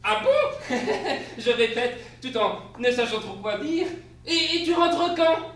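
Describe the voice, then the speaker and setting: A man playing a flustered, animated storyteller. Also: very high voice, moderate pace. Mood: flustered, amused. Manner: animated, exclamatory, laughs through lines. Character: flustered spouse telling an absurd tale. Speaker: stage actor. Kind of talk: theatrical comic monologue. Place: theater stage. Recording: echoey stage, distant mic, faint hiss.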